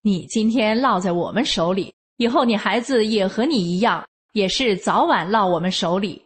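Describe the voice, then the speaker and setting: A woman's voice: medium pitch, moderate pace, slightly rough, lightly acted. A woman reading aloud, voicing a bullying male police officer who curses and threatens. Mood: threatening. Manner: cursing, threatening, raised voice.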